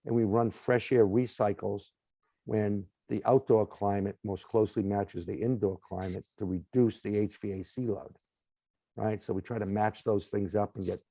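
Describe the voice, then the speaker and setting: Interviewed as a smart home company guest, a Boston-accented man explains home technology through long lists, frequently closing a point with "right?". His voice sits on the low side, gravelly yet mellow, and there is no echo.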